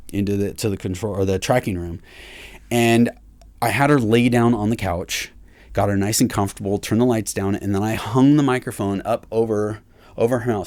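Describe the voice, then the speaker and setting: Low-voiced man telling an awkward story. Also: a little mellow, dry recording. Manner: halting, self-deprecating, many fillers and restarts. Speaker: recording engineer. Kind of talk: casual storytelling to camera.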